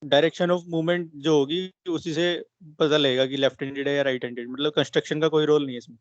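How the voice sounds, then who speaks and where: Hesitant young student asking. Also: male voice, fairly high pitch, steady tone, fast talker, no room sound. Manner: hesitant, addresses teacher as sir. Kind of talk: asking questions in class. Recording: dry, slightly dull classroom recording.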